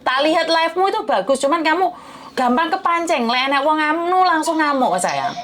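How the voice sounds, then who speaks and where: A woman gives motivational advice, coaxing yet rough-spoken, often calling the listener dear. Her voice is very high. A little noise hums behind her. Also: expressive, fairly quick. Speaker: advice-giving host.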